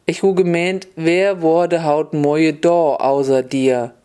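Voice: mid-range voice, steady tone, slow, mellow, smooth, lightly acted. A storyteller doing a stern lady official. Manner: stern, scolding. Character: stern woman official at the window.

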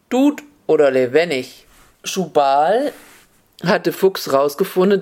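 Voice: mid-range voice, darkish tone. Storyteller in thick Upper Hessian dialect.

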